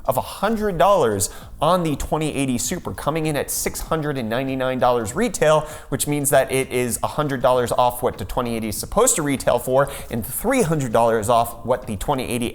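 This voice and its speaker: A man rattling through a casual tech news rundown at a middle pitch. He is sarcastic and links each story with a jokey segue. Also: lively intonation, moderate pace.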